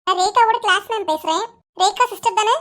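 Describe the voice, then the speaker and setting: Woman putting on a bright, squeaky schoolteacher. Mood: polite. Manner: brisk, polite. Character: female schoolteacher calling a parent. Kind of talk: cartoon voice acting.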